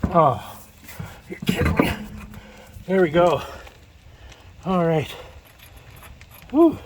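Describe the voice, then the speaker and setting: Relaxed man talking to himself while working. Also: fairly high pitch, takes it slowly, slight background noise. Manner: relaxed, talks to himself while working, breathes hard from effort. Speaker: DIY builder vlogging his project. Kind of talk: casual self-narration while working.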